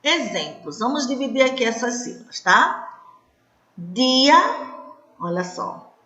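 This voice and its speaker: Brazilian woman teacher, slow and patient, keeps checking in with the class; roomy, muffled recording. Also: on the high side, expressive, bright, forceful tone. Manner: checks in often with short tag questions. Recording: echoey room, dull lo-fi sound.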